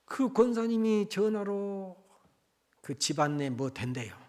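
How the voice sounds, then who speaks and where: Animated male pastor telling a story. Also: high voice, unhurried. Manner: animated, swinging between loud and hushed. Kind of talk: storytelling sermon. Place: church.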